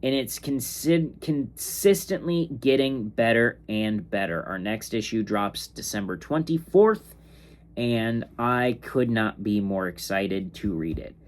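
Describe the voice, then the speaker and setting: Slow, sleepy young man rambling about comics. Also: medium pitch, animated. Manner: slow, rambling, filler-heavy. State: sleepy, yawning. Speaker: comics reviewer. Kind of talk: casual ranking monologue.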